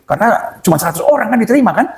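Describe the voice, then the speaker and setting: A male pastor, a guest in an interview, telling an anecdote in an animated, excitable way, often exclaiming and shifting his pace for effect. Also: high voice, racing. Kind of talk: animated storytelling in a conversational interview.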